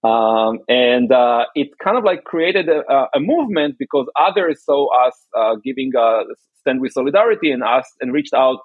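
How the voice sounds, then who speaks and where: A man from Israel, answering interview questions in a halting way, often restarting and searching for words. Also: medium pitch, animated, husky, no room sound, phone-quality sound. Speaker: guest, entrepreneur and activist.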